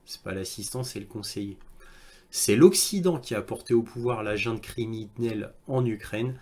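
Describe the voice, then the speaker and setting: A man commenting on video clips and reading articles aloud, with halting delivery and frequent hesitations. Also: mid-range voice, darkish tone. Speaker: online news commentator.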